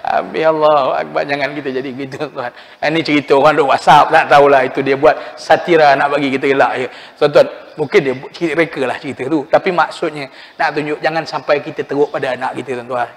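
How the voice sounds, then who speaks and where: Preacher, male, high-pitched, animated sermon storyteller, reverberant mosque sound. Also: fast talker. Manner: animated storytelling, addresses listeners as "tuan-tuan". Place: mosque hall. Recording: long reverb in a mosque hall.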